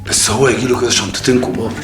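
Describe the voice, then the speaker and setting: A man's voice: medium pitch, steady tone, racing, close to an everyday voice. An actor playing an Egyptian man who talks deferentially and in a wheedling way to a boss. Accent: Egyptian Arabic. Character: fawning Egyptian man, a go-between for stolen gold. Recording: distant, roomy, music underneath.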